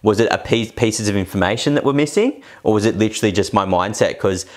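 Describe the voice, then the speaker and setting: Reflective man, lower voice. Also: lively intonation, fast. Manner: reflective, hesitant, many fillers like "like" and "I guess". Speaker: podcast co-host. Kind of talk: casual podcast chat.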